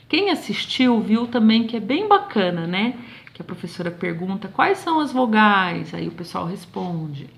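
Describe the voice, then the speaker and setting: Slow, patient Brazilian teacher woman. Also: mid-range voice. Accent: Brazilian Portuguese. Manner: patient, slow and drawn out, checks in constantly with "tá bom?". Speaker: schoolteacher. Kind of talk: recorded remote lesson correcting homework.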